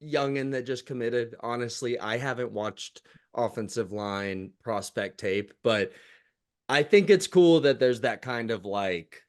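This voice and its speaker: A man co-hosting a sports podcast, talking in a loose, casual way. His voice sits at an ordinary middle pitch. He riffs and jokes with his co-hosts. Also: measured pace. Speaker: podcast co-host.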